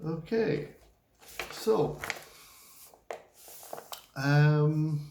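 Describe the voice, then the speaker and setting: Slow, patient male English teacher. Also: on the high side, gravelly, darkish tone, slight background noise. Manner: patient, repeats "okay?" after nearly every point; acts out example lines with rising and falling tone. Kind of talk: classroom lesson on reading aloud. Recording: echoey room.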